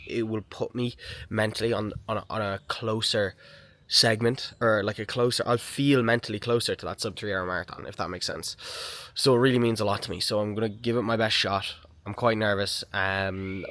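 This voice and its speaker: Low-voiced Irish man vlogging. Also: no room sound. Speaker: running vlogger. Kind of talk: casual vlog talk to camera.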